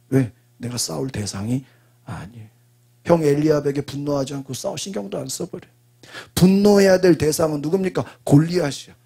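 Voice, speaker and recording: Raspy gravelly Korean pastor preaching. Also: male voice, a little high, darkish tone. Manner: call-and-response preaching, frequent prompting asides. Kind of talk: sermon.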